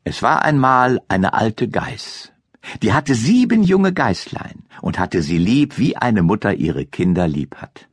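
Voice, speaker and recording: A man narrating a fairy-tale audiobook in a dramatic, expressive storytelling style. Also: fairly low pitch, slightly rough, dry recording, studio quality. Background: classical music.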